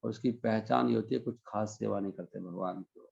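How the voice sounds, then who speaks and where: A man giving a devotional discourse, explaining scripture line by line and chanting Sanskrit verses slowly. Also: on the low side, fairly even intonation, vocal fry, a little mellow, breathy edge, muffled recording. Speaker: spiritual teacher.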